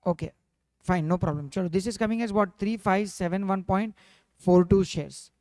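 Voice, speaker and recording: In an echo-free recording, a finance teacher with an Indian accent reviews material interactively, prompting students with questions again and again and occasionally dropping in Hindi exclamations. The voice is medium-pitched and darkish, at a moderate pace.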